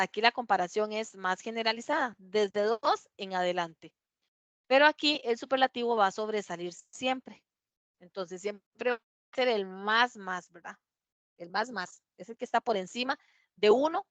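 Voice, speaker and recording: A woman's voice: on the high side, fairly bright tone, no room sound. A woman teaching a classroom grammar lesson, patient and methodical, repeating the key points and checking that her students follow. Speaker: English teacher. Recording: dull lo-fi classroom recording.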